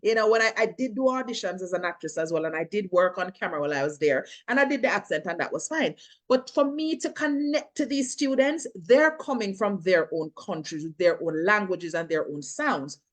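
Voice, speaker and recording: Animated and fairly quick, a middle-aged filmmaker and actress with a Jamaican accent speaks at a medium pitch during a relaxed interview as a guest. She laughs a lot and drifts into patois.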